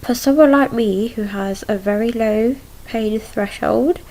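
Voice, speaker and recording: A young woman giving a casual video diary in a subdued, halting way, recorded indoors at home on a device at arm's length. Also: on the high side, mellow, rough recording. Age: young adult. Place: small room at home, indoors.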